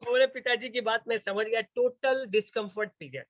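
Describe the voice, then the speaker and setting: A man gives a motivational talk as a story, acting out the voices of its characters. His voice sits fairly high. The recording is dry and slightly muffled. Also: steady tone, fairly quick, dry recording. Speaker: motivational speaker.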